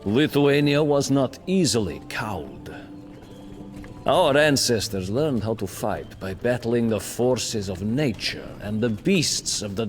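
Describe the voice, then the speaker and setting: In a strategy game cutscene, a bitter, proud Lithuanian nobleman held captive narrates his downfall in a medium-pitched voice, haughty, theatrical and deliberate. The recording has the cavernous reverb of a long hall, with music underneath.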